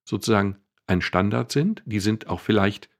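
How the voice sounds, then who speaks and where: Speaking at a normal speed in a lowish voice, a male podcast co-host lays out explanations with care and length. His casual talk carries a dry sense of humor.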